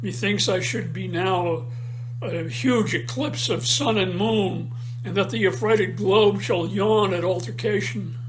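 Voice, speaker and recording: Brief: a man reading a tormented jealous general, slow and heavy in the verse, voice sitting fairly high. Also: slight background noise. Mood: anguished. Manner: slow, weighty verse delivery. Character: jealous tormented male general, middle-aged. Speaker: reader in an online play reading. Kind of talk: dramatic Shakespeare reading. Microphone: video call.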